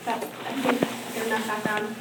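A woman's voice: a little high, level tone, moderate pace. A young woman, a student, telling her personal faith story in a casual way, with many ums and likes. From Norman, Oklahoma. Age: young adult. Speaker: student giving testimony. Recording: echoey room, from far off, faint hiss.

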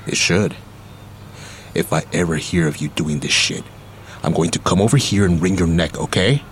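In a radio drama, a middle-aged American man plays an ex-convict uncle who is world-weary, menacing, and yet tender, using a rough, husky voice. His low voice moves at a normal speed with light acting, and there's slight background noise.

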